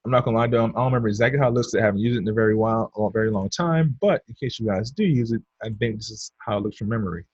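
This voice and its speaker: A man's voice: on the low side, racing, hardly any pauses, a little mellow, husky, no echo, lo-fi sound. A man teaching trading on a screen share in a casual, chatty way, talking to his viewers and muttering to himself as he draws. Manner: chatty, addresses viewers as "you guys", talks to himself while drawing. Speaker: trading instructor.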